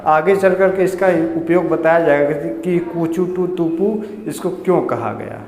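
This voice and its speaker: A man's voice: fairly high pitch, a little slow, darkish tone. A man teaching Hindi grammar to a class, explaining step by step and asking and answering his own questions. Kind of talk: classroom lecture. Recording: echoey room with long reverb.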